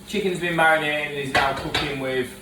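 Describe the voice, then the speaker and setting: A man chatting casually while cooking at home, jokey and quick to laugh. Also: a little high, steady tone. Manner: giggly, jokey, laughs often. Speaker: co-host of home cooking video. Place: home kitchen. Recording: echoey kitchen, mic far off, noisy.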